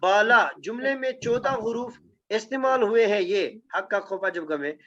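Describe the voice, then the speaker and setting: The Quranic Arabic grammar teacher speaks in a high, slightly bright voice. His classroom lesson mixes recitation with step-by-step explanation, and he checks in with students again and again. The recording sounds dull and lo-fi.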